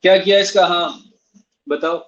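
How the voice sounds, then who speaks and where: A man with a high voice teaches an English literature class in a classroom that is also streamed online. He switches between Hindi and English, spells out terms letter by letter and repeats each point for his students. The recording sounds dull and lo-fi. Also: steady tone, moderate pace, a bit bright.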